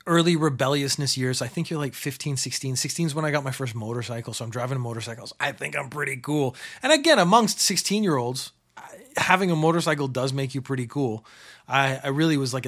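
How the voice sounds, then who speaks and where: A man's voice: medium pitch, a bit bright. A middle-aged man hosting a show, casually telling a rambling story and repeating phrases for comic effect.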